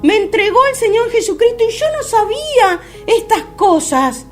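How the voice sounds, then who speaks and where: A woman in her fifties with an Argentine accent giving a fervent religious testimony on her radio program. She talks haltingly and keeps calling her listeners brothers. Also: very high voice, sing-song, soft background music. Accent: Argentine Spanish. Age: 50s.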